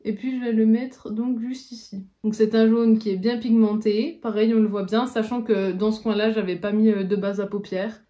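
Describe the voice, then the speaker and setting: A woman's voice: on the high side, little pitch movement, moderate pace, few pauses, dull audio. A young woman casually reviewing and applying an eyeshadow palette, chatty with frequent fillers as she demonstrates. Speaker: beauty vlogger. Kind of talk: casual makeup tutorial.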